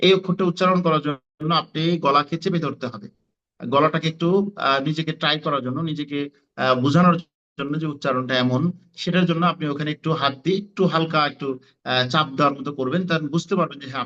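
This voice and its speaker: A man's voice: on the high side, steady tone, fast talker, bright, forceful tone, lo-fi sound. A man teaching Quran pronunciation in a class, explaining with many fillers and repeating letter sounds for students to copy.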